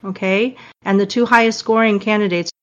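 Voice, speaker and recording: Woman, mid-pitched, halting, home mic on a voice-chat line that keeps dropping out. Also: fairly even intonation, dull audio, background noise. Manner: hesitant, many pauses and fillers. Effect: audio cutting out on an online call. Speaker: panel discussion participant. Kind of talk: casual discussion on an online call. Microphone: home mic on a voice chat app.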